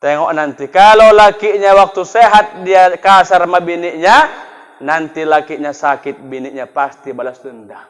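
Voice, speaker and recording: A man's voice: sits high, normal speed, clean tone. A man preaching a comic sermon, joking with the crowd and addressing them directly. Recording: echoey hall.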